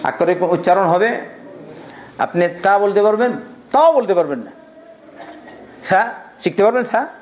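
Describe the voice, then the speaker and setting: High-voiced man preaching a tafsir sermon. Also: expressive, a little mellow, slight background noise. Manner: asks the audience rhetorical questions; recites Arabic verses slowly, then explains. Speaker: Quran teacher giving tafsir.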